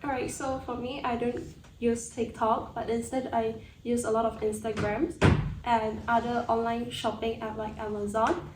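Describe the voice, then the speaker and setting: Flat-toned young woman in echoey room. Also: fairly high pitch, moderate pace, very noisy. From Malaysia. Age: young adult. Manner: steady, opens answers with "alright, so". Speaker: student guest. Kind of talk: casual chat. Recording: echoey room, distant mic, faint ambience.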